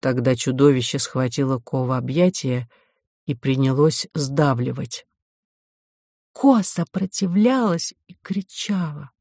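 An audiobook narrator telling a science fiction story at a measured, steady pace, with a voice pitched in the middle range. The recording is dry and close, with no room sound. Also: vocal fry, no room sound.

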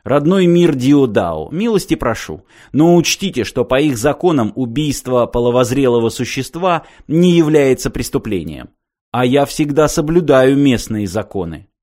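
Man doing an ironic hero, calm, polite, measured, audiobook. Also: medium pitch, natural voice. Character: calm ironic man, coolly provoking bullies.

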